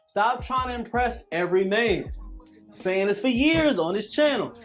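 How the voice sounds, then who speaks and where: A man's voice: high-pitched, lively intonation, a little slow, fairly bright tone, soft background music. A man in his late thirties coaching a calisthenics workout with emphatic, preachy, repetitive cues. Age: 30s. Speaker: fitness coach.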